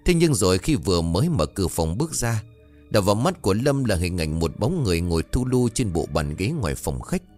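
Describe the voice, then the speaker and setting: Low-voiced man narrating a ghost story. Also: sing-song, brisk, a little mellow. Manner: voices the characters in dialogue. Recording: faint music behind.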